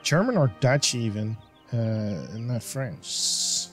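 A man's voice: medium pitch, big pitch swings, slow, music in the background. Chatty man commenting on gameplay. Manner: enthusiastic, chatty, thinks aloud. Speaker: let's play host.

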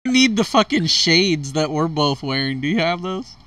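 A man's voice: fairly high pitch, sing-song, moderate pace, sharp tone, no echo. A man bantering casually over a video game, giggly and freely swearing. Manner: giggly, profane. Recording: off-mic game voice chat.

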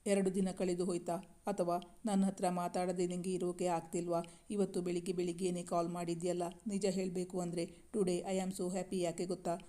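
Affectionate young boyfriend in a storybook, playful and soothing, read by a woman; low, even, warm delivery. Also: normal speed, lightly acted. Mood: teasing. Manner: playful, reassuring. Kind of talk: storybook dialogue reading.

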